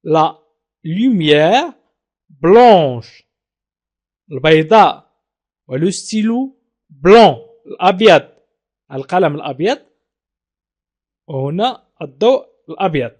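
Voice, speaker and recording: Slow, deliberate male French teacher. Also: on the high side, sing-song, darkish tone. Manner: repeats words slowly, translating each into Arabic. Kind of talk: slow classroom explanation.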